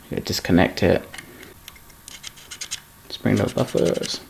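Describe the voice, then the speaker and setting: A man's voice: fairly low pitch, measured pace, vocal fry, a little mellow, slight background noise. A man casually talking through an unboxing of model trains, rambling and correcting himself as he handles the pieces. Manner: rambling, self-correcting, talks while handling items.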